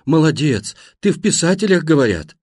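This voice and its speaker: A man reading an audiobook and voicing a deaf, bedridden grown man who talks loudly in a deep, husky voice. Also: very animated, moderate pace, no room sound, clean studio sound. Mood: loud, gruff.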